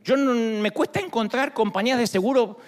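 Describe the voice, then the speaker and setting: A man's voice: extremely high pitch, a little fast. A man preaching a sermon, joking and acting out little dialogues. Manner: animated, jokes, acts out dialogues. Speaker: pastor. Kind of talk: sermon with humorous stories.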